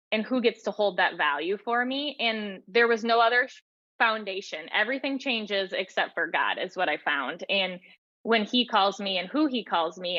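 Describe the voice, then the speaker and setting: Her medium-pitched voice has a sharp tone, with no room sound and the highs cut off. She is a podcast guest in her 30s or older, an author and teacher giving earnest, explanatory reflections on her own experience in an interview.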